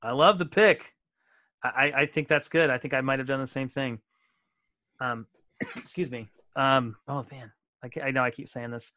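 Man, podcast co-host, bright forceful voice, dry close sound, casual chat, self-deprecating, stumbling restarts. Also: medium pitch, steady tone, moderate pace, long pauses, no echo.

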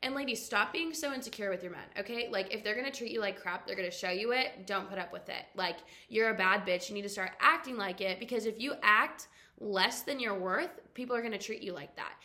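A young woman co-hosting a casual podcast, telling stories in an animated way with lots of "like.". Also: medium pitch, a little fast. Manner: animated storytelling, heavy "like" filler. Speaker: podcast co-host. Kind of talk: casual chat. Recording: echoey room.

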